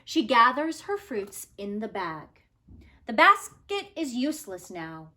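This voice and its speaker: Like a teacher at story time, a woman reads aloud from a children's picture book in a slightly high voice. Each line is delivered with care and expressive flair.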